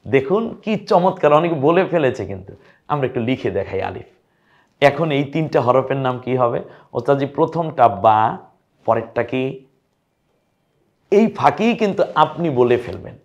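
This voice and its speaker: A man's voice: mid-range voice, animated, unhurried, long pauses. Man teaching Arabic letters on a dull recording. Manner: coaxing, repeats letter names for viewers to echo. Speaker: Quran teacher.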